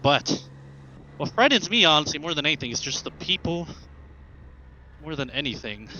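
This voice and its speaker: A man's voice: on the high side, very animated, moderate pace, bright, forceful tone. A young American man chatting casually and ramblingly as he rides, talking from inside a motorcycle helmet. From Arkansas, United States. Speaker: motovlogger, new rider. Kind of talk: casual vlog chat while riding. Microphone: helmet headset mic into an action camera. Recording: muffled helmet mic with engine and road noise.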